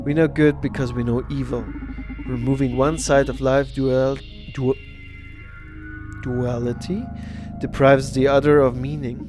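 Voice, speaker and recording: A man's voice: mid-range voice, flat delivery, a little slow, over music, lightly acted. A man reading aloud the lines of an easygoing, teasing male bartender in a story game, in his own plain voice. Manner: reads on-screen dialogue aloud, plain.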